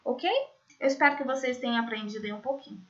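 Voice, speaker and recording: A woman's voice: a little high, fast, dull audio. A woman teaching a grammar lesson online, explaining step by step and often checking understanding with short questions. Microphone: computer mic in a virtual classroom.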